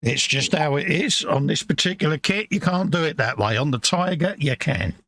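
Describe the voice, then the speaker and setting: A man's voice: fairly high pitch, lively intonation, normal speed, a bit bright. A man with a British accent co-hosting a casual model-building live stream from his workbench, bantering, chuckling and calling his friend mate. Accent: British English. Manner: banter-filled, calls people mate, chuckles often. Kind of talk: casual chat. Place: home workbench.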